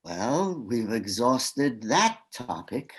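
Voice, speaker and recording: An actor in a one-act stage comedy plays Pete, a shy, nervous man at a gallery who stammers and coaches himself through small talk in a flustered inner monologue. His mid-range voice is a bit bright and slightly rough, with big pitch swings, an extremely slow pace, and full character voicing. The audio comes through a video call.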